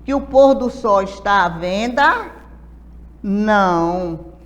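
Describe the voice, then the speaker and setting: Slow, patient Brazilian woman teacher. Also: medium pitch, expressive, long reverb tail. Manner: patient, explains step by step with check-in questions. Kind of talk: adult literacy lesson.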